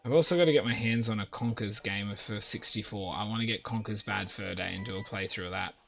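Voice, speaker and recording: A man's voice: fairly low pitch, quick pace, gravelly, a bit bright, faint music behind. A man chatting casually to his viewers during a live game stream, rambling and talking straight to them. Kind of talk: casual live-stream chat while playing.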